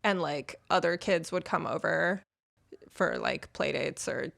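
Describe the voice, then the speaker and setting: Wry woman with a gravelly voice. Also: deep voice, unhurried, a bit bright. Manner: wry, laughs often. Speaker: guest artist. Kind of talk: casual podcast chat.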